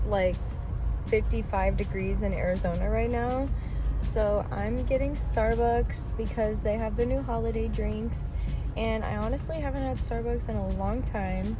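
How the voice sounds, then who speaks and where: A young woman vlogging in a chatty, rambling way, with many fillers, her voice hoarse from a recent cold. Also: medium pitch. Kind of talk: casual vlog chat.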